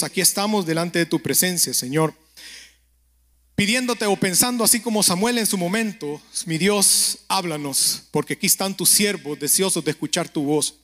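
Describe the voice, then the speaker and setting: Man, fairly high voice, conversational sermon, keeps checking in with the listener, storytelling preacher. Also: a bit bright. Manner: keeps asking the listener "¿verdad?"; speaks directly to the listener, telling stories.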